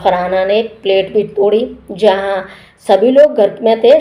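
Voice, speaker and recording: A woman's voice: medium pitch, vocal fry, muffled recording. A woman giving a casual spoken review of a TV episode, retelling events in a chatty way with many fillers and restarts. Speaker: TV show reviewer. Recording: roomy echo.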